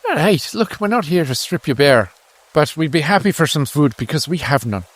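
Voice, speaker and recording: A man's voice: fairly high pitch, animated, a little fast, no echo, voice pushed up. A man voicing a soldier leader who earnestly pleads for food and shelter. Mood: pleading.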